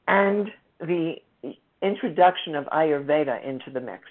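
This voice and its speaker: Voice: medium pitch, measured pace. Interviewer on a tinny phone line. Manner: prepared, introduces the guest. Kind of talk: radio interview questions.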